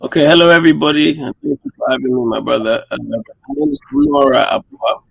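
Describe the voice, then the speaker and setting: A man born in Kenya and raised across Central and West Africa, a documentary filmmaker answering interview questions with many pauses and restarts. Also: a little high, wildly swooping pitch, creaky, fairly bright tone, husky, no room sound. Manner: hesitant, many fillers and restarts.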